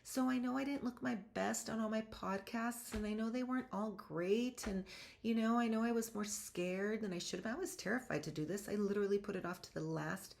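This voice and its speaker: Woman doing a pep-talk podcast, gravelly voice, energetic, talks right to her listeners. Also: mid-range voice, brisk, a little hiss or hum. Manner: energetic, emphatic, rising to excited outbursts; chatty, addresses listeners directly. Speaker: podcast host. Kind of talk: motivational solo podcast talk.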